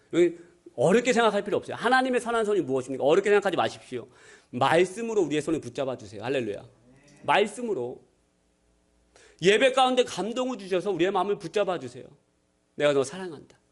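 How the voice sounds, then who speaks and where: A male pastor giving a Sunday sermon, joking with the congregation and acting out the voices in his stories. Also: high-pitched. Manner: playful, acts out voices in anecdotes. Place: church sanctuary.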